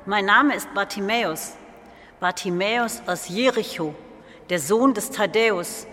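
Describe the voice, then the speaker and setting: A performer telling, in first person and in an earnest, calm storytelling manner, the story of a humble, grateful blind male beggar, as a biblical monologue. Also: medium pitch, a little slow. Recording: long hall reverb.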